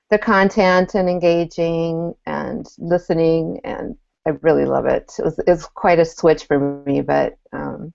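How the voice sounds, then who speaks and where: A woman's voice: low-pitched, creaky, a little mellow, no echo. A middle-aged woman with a Minnesota accent, chatting on a panel video call. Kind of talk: casual panel chat. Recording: dry muffled video call audio.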